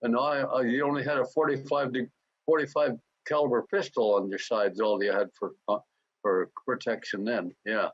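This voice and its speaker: Old guy in his 90s, husky voice, stops and restarts a lot, dull lo-fi dry sound. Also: mid-range voice, fairly even intonation, no room sound. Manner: halting, repeats and restarts words. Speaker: war veteran interviewee. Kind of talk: recounting memories in an interview. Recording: dull lo-fi recording.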